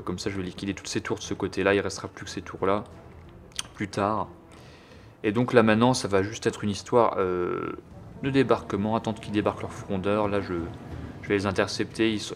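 A man's voice: on the low side, slight background noise. A young man casually commentating his strategy game, crude and joking while thinking aloud. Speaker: gameplay commentator. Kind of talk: casual let's-play commentary.

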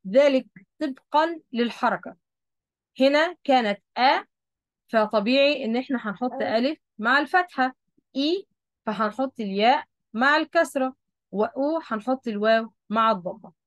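With an Egyptian Arabic accent, a woman patiently teaches a Quran recitation rule at a board, repeating the key points and checking that her students are following. Her voice sits high and is expressive, delivered at a normal speed with no room sound.

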